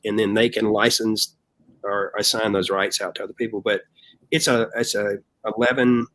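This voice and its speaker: A man's voice: on the low side, normal speed, rough recording. A man telling stories in a casual interview, acting out quoted voices and often saying "man". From United States. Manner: animated storyteller, acts out quotes, says "man" often. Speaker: band member guest.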